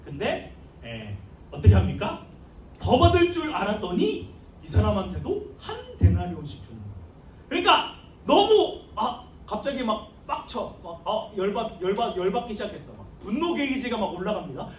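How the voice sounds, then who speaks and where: A youth pastor gives a youth sermon in a church sanctuary, his high voice swinging hugely in pitch at a normal speed as he animatedly tells a story with slang and chuckles. The mic sits far off in an echoey room, picking up a little hiss or hum.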